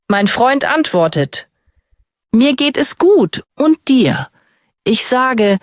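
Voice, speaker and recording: A woman narrating a simple first-person story for beginners, in slow, clear, short sentences. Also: mid-range voice, no room sound, studio quality. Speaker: language teacher narrating a story.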